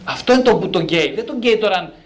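In a high-sitting voice, a male psychotherapist speaks freely about self-knowledge. He is animated and colloquial, often posing rhetorical questions and answering them himself.

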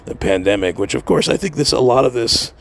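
A man's voice: mid-range voice, expressive, fairly quick, vocal fry. A middle-aged man talking in a casual, rambling monologue, swearing freely and laughing often. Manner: profane, digressive, laughs often. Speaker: podcast host.

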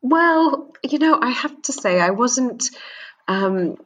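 Her voice is high and expressive, and she takes things slowly. A middle-aged woman born in England, she is an interview guest in a conversational exchange, speaking earnestly and candidly and tending to repeat words as each thought gets going.

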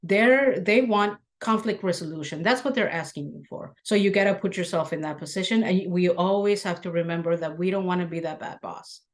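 Earnest woman auto shop owner, lowish voice. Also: brisk, hardly any pauses. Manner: earnest, animated when retelling scenes. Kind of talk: podcast interview answers. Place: Seattle.

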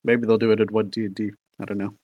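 A man's voice: lowish voice, level tone, fast talker, dry recording, narrow, tinny audio. A man co-hosting a casual game chat, rambling with many fillers and restarts. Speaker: podcast co-host.

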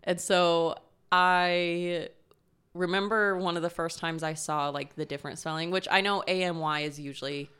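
A young woman chats with a friend, easygoing and reflective. She laughs readily and thinks out loud. Her voice sits a little low for a woman. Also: fairly even intonation, normal speed, smooth. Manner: chatty, laughs easily, reflective. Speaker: podcast co-host. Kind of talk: casual chat.

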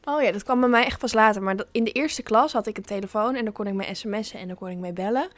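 A woman's voice: medium pitch, fast, dry recording. A woman in her twenties, a podcast co-host and influencer, talking openly and earnestly in casual chat. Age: 20s. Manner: open, earnest, self-reflective.

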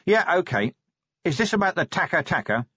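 A man voicing a weary male watch commander who speaks curtly and sardonically, his voice raised and lively. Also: sits high, breathy edge, no echo, voice pushed up, heavily acted. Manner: curt, sardonic, brisk. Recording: dry, slightly dull audiobook sound.

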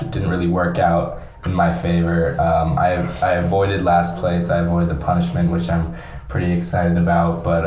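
A man's voice: low voice, a little mellow, a little hiss or hum. A man co-hosting a casual sports podcast, recorded in a small, echoey, bathroom-like room. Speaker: podcast co-host.

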